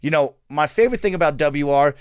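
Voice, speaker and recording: A man's voice: a little high, expressive, fast, clear, resonant tone, dry recording, studio quality. A man hosting an esports talk show in an upbeat commentary style, pronouncing his r sounds as w. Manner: says w for r.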